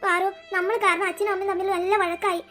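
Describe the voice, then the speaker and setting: A woman's voice: very high voice, level tone, quick pace, bright, forceful tone, soft background music. A woman voicing a caring teenage older sister in a cartoon, reassuring her younger sibling. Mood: sad. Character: earnest teenage girl, protective older sister. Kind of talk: cartoon voice acting.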